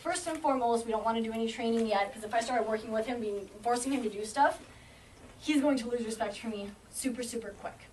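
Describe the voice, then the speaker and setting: A woman's voice: on the high side, a little mellow. A woman who trains shelter dogs, teaching a group of volunteers with confidence and acting out what the dog thinks. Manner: confident, explains with quick acted-out dog thoughts. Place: indoor room at an animal shelter. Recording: distant camera mic, faint noise.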